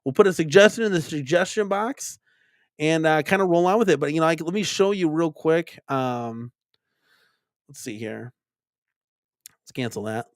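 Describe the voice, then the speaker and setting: A man's voice: fairly high pitch, lively intonation, moderate pace, pauses often, no echo, clean studio sound. A man hosting an arcade-collecting live stream, chatting casually and rambling, with lots of "right?" and "like" and repeated words. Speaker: arcade collector vlog host.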